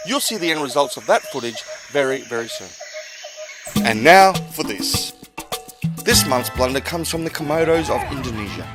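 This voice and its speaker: Male sports host, lively and emphatic, upbeat scripted highlights read over music. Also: quick pace, few pauses. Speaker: host and presenter of a rugby show. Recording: music playing behind the voice.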